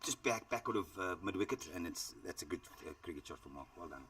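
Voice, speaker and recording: A man's voice: low voice, expressive, quick pace, a bit bright, no echo, distant mic. A middle-aged South African man giving live cricket commentary in a chatty, rambling way, with many fillers.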